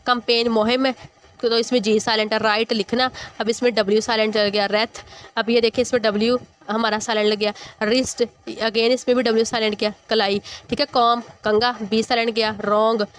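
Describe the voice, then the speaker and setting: A woman's voice: fairly high pitch, flat delivery, moderate pace, slight background noise. Woman teacher walking through vocabulary. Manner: explains English words in Hindi-Urdu, repeats "ठीक है". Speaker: English teacher. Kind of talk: exercise walkthrough lesson.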